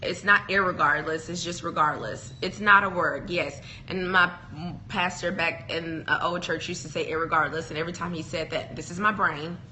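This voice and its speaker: A woman's voice: lowish voice, steady tone, normal speed, few pauses, pushed and bright, a little hiss or hum, low-quality recording. A woman co-hosting a podcast, chatting casually in a rambling, self-deprecating way. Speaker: podcast co-host. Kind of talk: casual chat.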